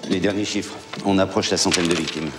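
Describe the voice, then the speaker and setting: Actor as a low-voiced official, factual report, score underneath. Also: male voice, steady tone, fairly quick, music in the background, lightly acted. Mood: sober. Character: male official reporting casualty figures, sober.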